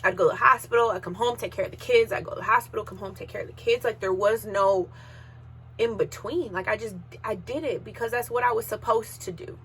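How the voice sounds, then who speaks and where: A woman in her thirties shares a painful personal story on her podcast, her voice bright and forward. She talks in an emotional, unpolished way and at times holds back tears. A faint hum sits under the recording. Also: medium pitch, fairly quick. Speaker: podcast host.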